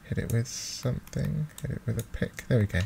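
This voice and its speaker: Speaking a little quickly, this man has a medium-pitched, gravelly voice with a warm tone. He's a gaming video host thinking aloud through casual, halting let's play commentary. Mouse clicks and keystrokes come through his close, high-gain desktop microphone.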